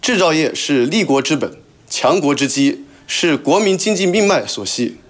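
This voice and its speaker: A man's voice: fairly high pitch, lively intonation, moderate pace. A man delivering a formal prepared statement as a government official.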